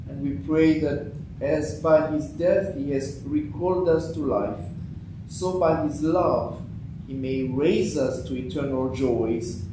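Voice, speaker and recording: A man leading morning prayer from a lectern in a small church sanctuary, reading the liturgy in a slow, measured way, picked up by a distant fixed camera. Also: a little high. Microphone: far fixed camera. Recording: echoey church from far off with background noise.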